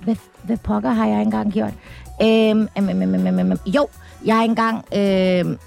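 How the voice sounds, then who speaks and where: A woman's voice: mid-range voice, little pitch movement, gravelly, a little mellow, faint music behind. A woman talking as a podcast guest in casual chat, hesitant and full of fillers, laughing often.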